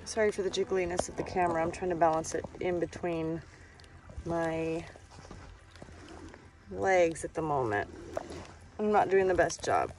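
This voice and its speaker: A woman in her thirties, her voice fairly low, speaks at a measured pace with frequent pauses while background noise is audible. She hosts a rock-hunting vlog, chatting casually on a rocky shore outdoors, enthusiastic and informal and full of exclamations, filmed on a handheld camera.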